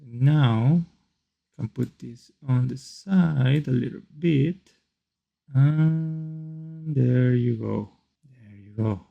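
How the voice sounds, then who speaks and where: Guy streaming, gravelly fry in his voice, english isnt his first language, slow halting thinking out loud. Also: mid-range voice, lo-fi sound. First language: not English. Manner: halting, repeats phrases and questions to himself. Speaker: streamer reacting to a video. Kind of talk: casual live stream commentary, thinking aloud.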